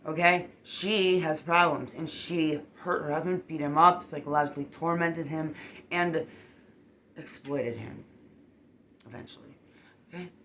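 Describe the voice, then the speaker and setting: Animated, rambling tarot reader with a bright voice. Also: unhurried, pauses often, a little hiss or hum. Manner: animated, rambling, punctuated with "boom" and "okay?"; emotional, gets worked up. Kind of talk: casual tarot reading monologue.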